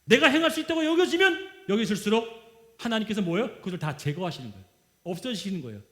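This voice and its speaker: A male pastor preaching a Sunday sermon, posing questions to the congregation and waiting for answers, alternating between loud exclamations and quiet asides. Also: sits high, fast. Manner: animated preaching, rhetorical questions, call-and-response with the congregation. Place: church sanctuary.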